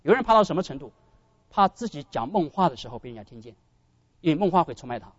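Animated man preaching a sermon. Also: a little high, fast talker, dry recording, highs cut off. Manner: animated, addresses brothers and sisters, acts out quotes. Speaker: pastor.

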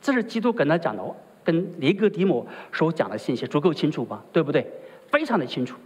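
A man preaching a sermon in a husky voice, his pitch swinging widely as he presses each point. He keeps turning to the congregation with rhetorical questions. The long reverb of a large hall trails after every phrase. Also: big pitch swings, quick pace, darkish tone. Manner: rhetorical, often asks the listeners "right?". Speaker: pastor.

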